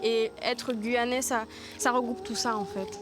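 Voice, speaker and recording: A village activist from French Guiana answers an interview earnestly, repeating words for emphasis. Her fairly high, steady voice is unhurried. Music plays in the background.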